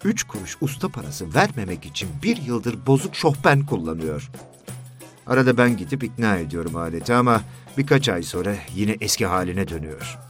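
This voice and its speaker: A man's voice: on the low side, big pitch swings, brisk, faint music behind. A man narrating a first-person story in a weary, dry storytelling manner. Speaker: audiobook narrator.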